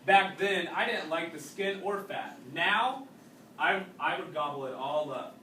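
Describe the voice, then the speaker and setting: Pitched fairly high, animated, and pushed and bright, a male teacher reads a story to his students, explaining it and stopping to ask the young listeners questions. A distant mic picks him up in a roomy space with faint noise.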